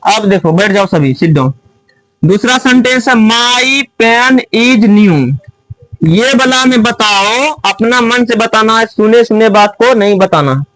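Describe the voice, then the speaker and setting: High-voiced man teaching a classroom. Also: measured pace, fairly bright tone, no echo, poor audio. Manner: quizzing students, often raising voice.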